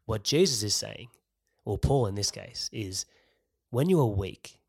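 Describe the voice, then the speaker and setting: A man's voice: lowish voice, a little slow, gravelly, husky, no room sound, clean studio sound. Emphatic man talking faith on a podcast. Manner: emphatic, animated bursts. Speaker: podcast co-host.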